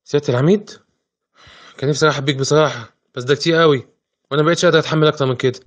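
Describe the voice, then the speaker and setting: A man's voice: fairly high pitch, steady tone, very fast, natural voice. An actor with an Egyptian Arabic accent playing a frightened male engineer in his forties in an old radio drama, pleading nervously. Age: 40s. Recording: dull lo-fi old radio play recording.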